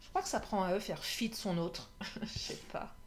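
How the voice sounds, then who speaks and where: A woman giving a casual, chatty tarot reading to her viewers, often laughing and pausing on filler sounds. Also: mid-range voice, sing-song, a little hiss or hum. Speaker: tarot card reader.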